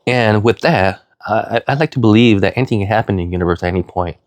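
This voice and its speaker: A fast-talking middle-aged man with a sniffly cold rambles through an earnest vlog monologue. He's full of fillers and "you know," sometimes jumping into loud, high emphasis, and the recording is dry.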